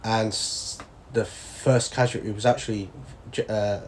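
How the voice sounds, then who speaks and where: A man's voice: on the low side, steady tone, measured pace, darkish tone, a little hiss or hum. A man, a former soldier chatting as an interview guest, laughing often and acting out the voices of people in his stories. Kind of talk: casual interview storytelling.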